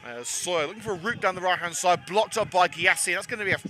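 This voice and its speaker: A man's voice: sits high, quick pace, bright, forceful tone. A man giving chatty live commentary on a club football match, slightly out of breath. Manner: chatty, self-deprecating, with frequent fillers.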